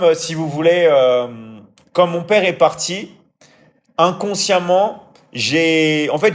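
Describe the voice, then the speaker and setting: A man hosting a casual live stream, answering viewer comments in a hesitant way, with frequent fillers and restarts, and often checking in with his audience. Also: fairly high pitch. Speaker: live-stream host and coach.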